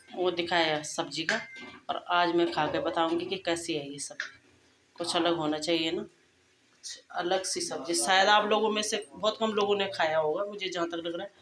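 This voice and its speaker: A woman's voice: fairly low pitch, a little hiss or hum. A middle-aged woman chatting casually to her viewers in a family vlog, recorded on a phone at home. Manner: chatty, homely, talks straight to viewers. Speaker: family vlogger. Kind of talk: casual chat to camera. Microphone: phone camera. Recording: echoey room with faint background ambience.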